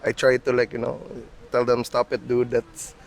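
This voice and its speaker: A man's voice: mid-range voice, completely flat delivery, normal speed, creaky, poor audio. A twenty-five-year-old man from the Philippines, a medical student, answering questions in a joking, self-deprecating, hesitant way. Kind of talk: casual chat.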